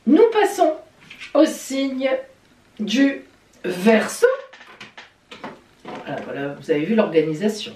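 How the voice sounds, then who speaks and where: A woman astrologer giving a weekly horoscope in a lively, chatty way, with playful exclamations. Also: a little high. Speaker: astrologer and psychic. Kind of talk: weekly horoscope video talk. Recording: echoey room, voice a bit distant from the mic.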